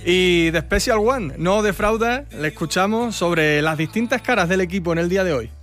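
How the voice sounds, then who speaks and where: A male radio sports reporter briefing his host in an easygoing, conversational way, dropping in the odd "pues" and "eh". His voice is a bit higher than average for a man. A faint music bed runs behind him. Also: moderate pace, a bit bright.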